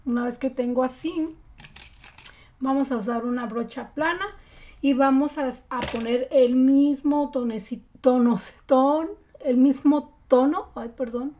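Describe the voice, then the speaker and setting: Woman, makeup tutorial, chatty with fillers, slightly high, warm mellow tone. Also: unhurried. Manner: relaxed, chatty, with many fillers. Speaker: beauty vlogger.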